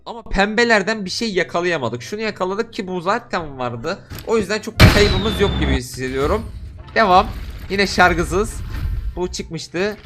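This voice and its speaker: A man commenting on crate openings, teasing his friends with laughs and shouts. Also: sits high, expressive, moderate pace, over loud music. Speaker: gaming YouTuber. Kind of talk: excited gameplay chat.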